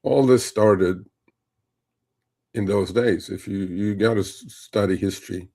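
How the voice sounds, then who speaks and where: A middle-aged Turkish man hosts a live show, rambling conversationally with lots of fillers and asides. His voice is fairly low and dark, and he takes his time, in the manner of casual livestream commentary.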